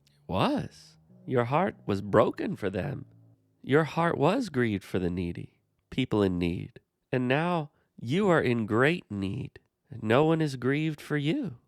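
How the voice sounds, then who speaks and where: Gravelly man explaining scripture. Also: medium pitch, sing-song, dry recording, studio quality. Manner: measured, explanatory, addressing Job directly. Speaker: Bible study host. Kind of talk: scripture commentary dialogue.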